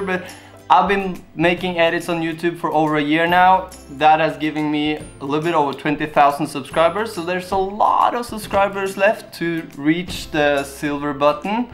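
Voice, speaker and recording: A young Norwegian YouTube vlogger with a Norwegian accent speaks in a fairly bright, somewhat high voice. Talking to camera in a casual Q&A, he answers viewer questions earnestly, rambling a bit and using simple phrasing.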